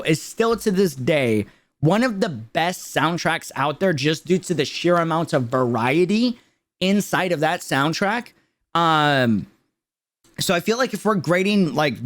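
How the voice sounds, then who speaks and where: Here a man streams his reactions to a game video in a somewhat high, slightly bright voice. His livestream talk is casual and emphatic, full of slang aimed at viewers, with words repeated to drive points home.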